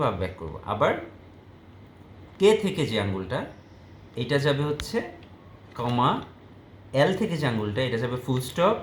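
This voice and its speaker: A man's voice: medium pitch, a little hiss or hum. A man teaching keyboard typing step by step, calling out each key as he presses it. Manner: calls out each key letter as he types; explains step by step to parents of students. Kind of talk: typing tutorial. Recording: echoey room, faint ambience.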